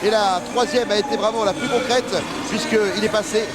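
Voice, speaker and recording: Excitable high-pitched male motorsport commentator. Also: moderate pace. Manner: excitable, emphatic race-calling with superlatives. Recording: loud crowd and engine noise behind. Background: crowd and vehicles at a race event.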